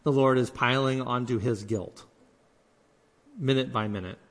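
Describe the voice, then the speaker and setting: A man's voice: medium pitch, fairly even intonation, measured pace. Man, preacher, sermon, earnest, restarts words, reverberant hall. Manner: earnest, acts out quoted speech, many restarts.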